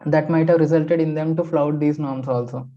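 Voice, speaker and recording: A man's voice: a little high, fairly even intonation, moderate pace, dark tone. Man lecturing on sociology, dull recording. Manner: methodical, many fillers and restarts. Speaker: sociology teacher. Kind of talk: explaining newspaper articles in a lecture. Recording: dull lo-fi sound.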